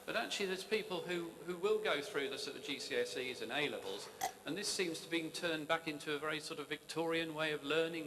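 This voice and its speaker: A man's voice: on the high side, sharp tone. A man in his fifties, an engineer in the audience, asking a question with hesitant ums and sort ofs. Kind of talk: question from the floor. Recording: hall reverb with faint room noise.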